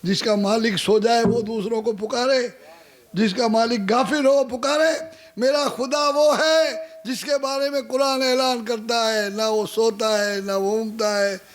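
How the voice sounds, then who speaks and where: A male preacher delivers a sermon as a story, animated and scolding by turns. His voice is very high for a man, and he acts out each character as he goes. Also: measured pace.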